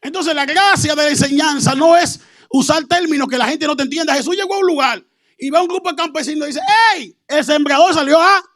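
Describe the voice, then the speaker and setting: A male preacher gives a lively, joking teaching sermon in a strikingly high voice. He laughs often at his own stories and breaks into loud shouted bursts to drive his points home. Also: fast talker.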